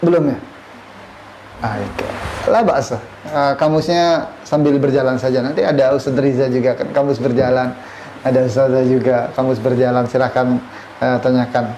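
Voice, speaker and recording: A man's voice: mid-range voice, fairly even intonation, normal speed, warm tone. A man from Indonesia in his thirties teaching a classroom lesson, quizzing his students and mixing Arabic phrases into his talk. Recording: echoey classroom, faint room noise.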